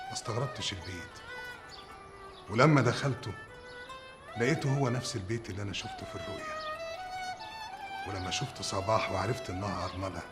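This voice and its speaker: An actor playing a low-voiced solemn storyteller. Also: male voice, natural voice. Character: solemn man recounting a dream. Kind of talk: TV drama acting.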